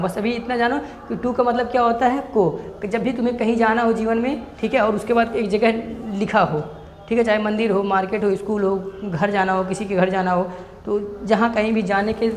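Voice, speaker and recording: A male English teacher giving a grammar lesson. He keeps asking the class a question and then answers it himself, calling his students "beta". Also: extremely high pitch. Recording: echoey room.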